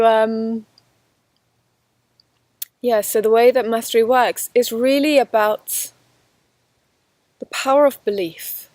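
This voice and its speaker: A woman's voice: a little high, dry recording. A woman giving a spiritual course lesson outdoors in a forest, talking earnestly to the camera in a flowing way with frequent restarts. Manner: earnest, flowing, with many restarts and soft laughs. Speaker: spiritual teacher. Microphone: camera facing the speaker.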